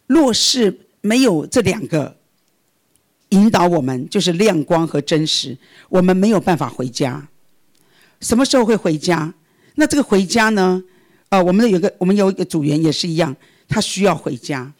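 A man giving an earnest, conversational sermon, telling a personal story with many restarts and fillers. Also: high voice. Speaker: preacher.

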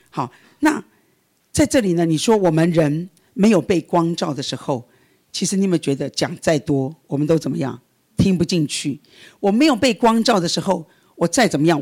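A man giving an earnest, conversational sermon, telling a personal story with many restarts and fillers. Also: a little high. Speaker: preacher.

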